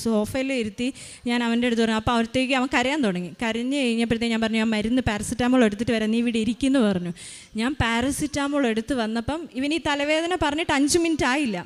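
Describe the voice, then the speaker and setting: A Malayali woman, a mother, giving a spoken personal testimony in a halting way, with many restarts and fillers. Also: on the high side.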